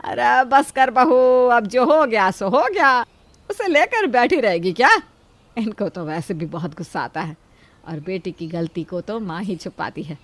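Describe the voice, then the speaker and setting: A woman voicing a protective, soft-hearted older mother-in-law in a cartoon, scolding gently and coaxing. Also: mid-range voice, animated, measured pace, dry recording. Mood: fond. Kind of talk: cartoon voice acting.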